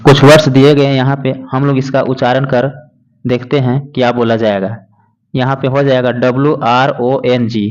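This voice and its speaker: Male teacher, patient, spells words out slowly, flat monotone voice, dull lo-fi recording. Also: mid-range voice. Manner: slow, patient spelling out letter by letter. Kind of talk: classroom lesson explaining English words in Hindi.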